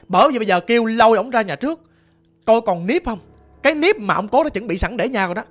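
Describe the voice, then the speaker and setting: Lively woman storyteller. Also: fairly high pitch. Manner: chatty, vivid, conversational, explains as she goes. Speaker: ghost story narrator. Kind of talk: casual spoken storytelling.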